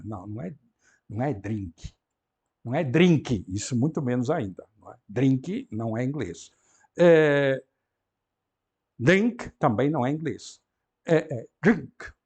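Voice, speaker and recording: Man, university Greek lecture, animated pitch, fairly high voice, frequent tag questions. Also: creaky. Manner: slow and deliberate, frequent "não é?" tag questions. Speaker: Greek teacher.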